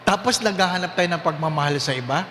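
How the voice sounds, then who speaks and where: A man's voice: a little high, fast talker, pushed and bright, long reverb tail, a little hiss or hum. A priest preaching a sermon with humor, putting on the voices of people in his stories and asking the congregation questions. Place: church.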